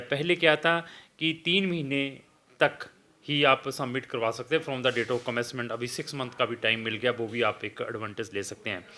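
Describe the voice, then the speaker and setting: A man speaking as an immigration consultant in an advisory video for students. He explains steadily, mixes in English phrases and often pauses on "uh". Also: medium pitch, pushed and bright.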